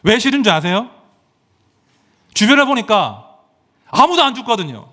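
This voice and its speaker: A middle-aged man preaching a sermon as pastor, emphatic and animated, swinging from loud exclamations to quiet asides and asking rhetorical questions. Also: high voice, normal speed. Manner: asks the congregation rhetorical questions.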